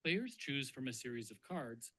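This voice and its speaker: Bright, breathy male voice-over. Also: mid-range voice, animated, normal speed, no room sound, low-quality recording. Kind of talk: promotional video narration.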